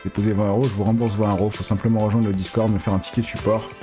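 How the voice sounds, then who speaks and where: A man giving excitable, casual live commentary as a casino streamer, pleading with the reels and swearing. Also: fairly low pitch, rapid-fire, music in the background.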